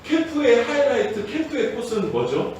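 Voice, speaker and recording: A male pastor giving a Sunday sermon, telling stories in a lively way and sometimes acting out loud, shouted prayers. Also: very high voice, normal speed, heavy reverb, recorded from a distance, a little hiss or hum, low-quality recording. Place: church sanctuary.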